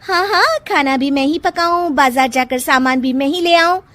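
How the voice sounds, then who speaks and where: A woman voicing a sharp-tongued young wife who argues back in shrill, combative retorts, for a cartoon. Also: moderate pace, music in the background, lightly acted. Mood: defiant.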